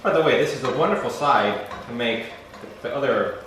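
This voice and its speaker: A man's voice: mid-range voice, a little fast, a bit bright. Echoey, distant man giving a jokey cooking demo. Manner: jokey, playful asides with dry self-deprecation. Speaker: home cook hosting a recipe video. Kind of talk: casual, rambling cooking demonstration. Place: indoors at a stove, echoey room. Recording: echoey, distant mic with faint noise.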